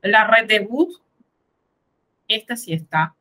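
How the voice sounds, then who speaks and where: A woman teaching French in a recorded lesson, speaking at an unhurried, deliberate pace. Her voice is bright and clear. She says each French word slowly, then translates it and patiently explains the accents. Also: mid-range voice, expressive, low-quality recording.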